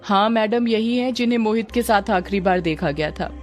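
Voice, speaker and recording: Storybook: a woman playing a teasing police helper, medium pitch, music low behind. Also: moderate pace, a little mellow, lightly acted. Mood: mocking. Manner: mocking, jokey. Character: mocking male police assistant.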